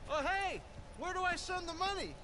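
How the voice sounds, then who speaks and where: An actor playing a cheerful, talkative writer of westerns. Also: male voice, very high-pitched, animated, a little slow, pushed and bright, a little hiss or hum, exaggerated voice. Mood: relieved. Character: relieved male western writer, chatty.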